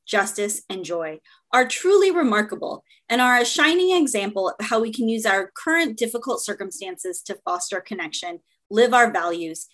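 A woman's voice: medium pitch, fairly bright tone. Upbeat woman bringing church greetings. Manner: upbeat, encouraging. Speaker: regional denominational staff member. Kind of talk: recorded greeting to congregations.

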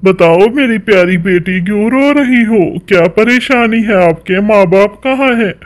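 A man's voice: high voice, a little slow. A man voicing an anxious father bird in a cartoon, urging his family to flee in a pressing voice. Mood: gentle. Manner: urgent, commanding.

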